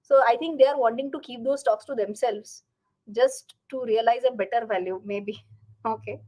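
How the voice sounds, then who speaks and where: A woman's voice: on the high side, moderate pace, dark tone. A woman with an Indian accent chats casually as a live stream host, reading out and answering viewer comments and slipping Hindi phrases into English.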